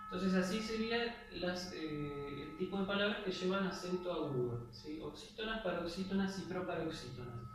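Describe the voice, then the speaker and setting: A man's voice: sits high, animated, normal speed, few pauses. Echoey, distant Argentine man teaching. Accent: Argentine Spanish. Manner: patient explaining, checks in with a questioning "sí?" after each point. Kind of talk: classroom lecture. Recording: very echoey room, voice far from the mic, faint noise.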